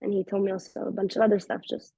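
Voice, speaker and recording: A woman telling a story in casual chat, animated and full of "like" and acted-out dialogue. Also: medium pitch, quick pace, vocal fry, slightly rough, no echo, rough recording. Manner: animated, lots of "like" and quoted dialogue.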